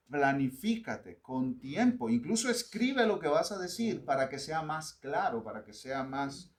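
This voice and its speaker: Speaking at medium pitch, a middle-aged pastor from Honduras teaches church readers in a lively, humorous talk, demonstrating pronunciations as he goes.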